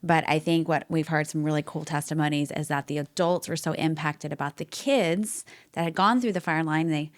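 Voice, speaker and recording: A woman with a very deep voice joins a casual church conversation, adding frequent affirmations. She shares camp highlights with enthusiasm. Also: moderate pace, hardly any pauses. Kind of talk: casual church recap chat.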